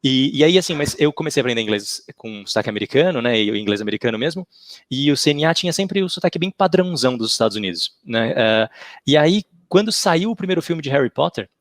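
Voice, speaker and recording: Man, podcast guest, rapid delivery, dry close sound, chatty storyteller. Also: medium pitch, animated, no room sound. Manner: chatty storyteller, tags sentences with "né". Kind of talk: casual podcast chat.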